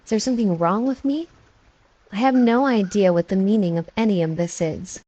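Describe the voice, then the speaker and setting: A woman narrating scary stories from a script, with steady, measured storytelling. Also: medium pitch, low-quality recording.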